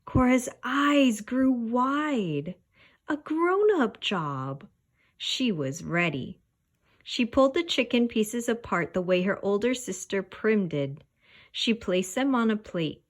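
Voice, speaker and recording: A woman reads aloud from a children's picture book in a mid-range voice. She narrates expressively and deliberately, as a storyteller would.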